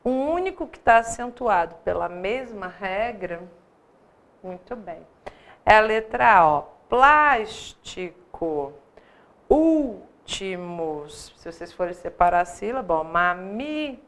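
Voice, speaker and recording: Brief: Brazilian woman, mid-pitched, chatty grammar teacher, keeps checking in with the class. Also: lively intonation, moderate pace. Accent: Brazilian Portuguese. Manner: conversational, asks rhetorical "né?" often. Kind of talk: live online grammar class.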